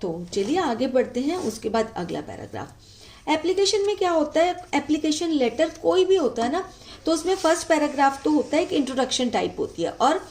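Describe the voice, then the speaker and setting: A woman's voice: high-pitched, sing-song, brisk, darkish tone. A woman teacher patiently explaining a letter format step by step, often checking in with the listener. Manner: patient, frequent "ठीक है" check-ins.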